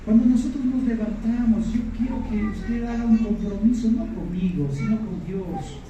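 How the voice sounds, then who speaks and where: A man's voice: sits high, normal speed, mellow, a little hiss or hum. A man preaching a sermon to his congregation, earnest and often asking them questions. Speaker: pastor. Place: church. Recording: echoey church hall, mic far off, faint music.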